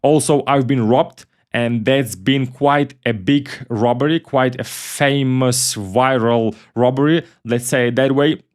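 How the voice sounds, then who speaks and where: A man from Ukraine, hosting a casual software tutorial in a loose, chatty way and often repeating his words. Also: medium pitch, a little slow, hardly any pauses. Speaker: tutorial host.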